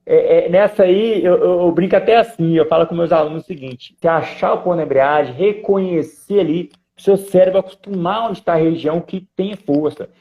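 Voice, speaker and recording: A man with a Brazilian Portuguese accent, a driving instructor talking in an animated, joking way. His voice is a touch high and has a gravelly edge. The sound is somewhat dull and lo-fi. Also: a little fast, few pauses. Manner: animated, jokey, reads viewer comments. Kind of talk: casual chat in a live stream.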